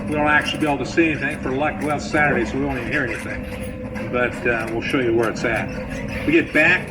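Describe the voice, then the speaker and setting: A man guiding visitors through an underground mine, his voice played over the tour train's loudspeakers, explaining plainly and patiently with a few filler words. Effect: voice played over a train car's loudspeakers. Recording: distant, noisy speaker sound with vehicle rumble.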